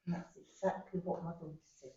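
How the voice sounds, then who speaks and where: An older woman replies briefly from the audience in a soft-toned, mellow voice. She sounds distant in an echoey room, and the recording is dull. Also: lowish voice, little pitch movement, fairly quick. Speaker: audience member receiving a reading.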